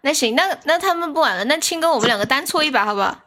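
A woman hosting a livestream voice chat game, lively and teasing. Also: high voice, racing, background noise. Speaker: livestream host.

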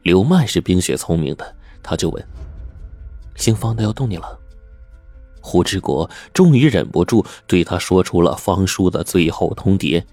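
With dramatic flair, a man narrates a serialized story in a deep, husky voice whose pitch swings widely. He's animated and speaks at normal speed with hardly any pauses, no echo, and a soft music bed underneath.

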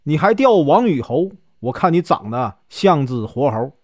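A man's voice: on the high side, big pitch swings, no echo, clean studio sound. A man with a Northeastern Mandarin accent voicing a brash, jeering young woodcutter in a told folk story. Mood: mocking. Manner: jeering, quick to laugh and complain.

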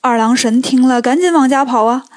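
High-voiced woman telling a children's story. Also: a little fast, no echo. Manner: lively, colloquial, joking asides.

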